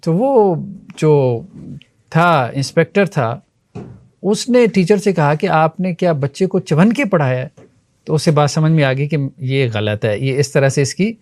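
A male teacher giving a grammar lesson, explaining step by step, asking questions and repeating key terms slowly. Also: fairly high pitch, darkish tone. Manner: explanatory, asks the class questions.

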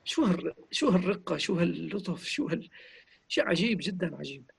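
A man speaks in a high, gravelly, husky voice. He reminisces gently and reverently, softly repeating phrases. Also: expressive, a little fast. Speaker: interviewee. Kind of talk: reminiscing conversation.

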